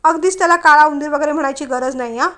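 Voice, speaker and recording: A prickly young bank clerk, as a woman storyteller puts him on, talks in a stiff, lecturing way and gets irritated fast. The voice stays high, the same light storybook voice as the narration. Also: a bit bright. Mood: teasing. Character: young man, bank clerk, touchy suitor.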